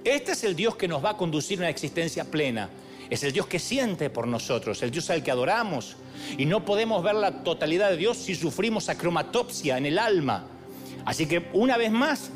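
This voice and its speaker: A man preaching a sermon as pastor in a large stadium, shifting to impassioned shouting calls to the crowd. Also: high voice, big pitch swings, fairly quick. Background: music.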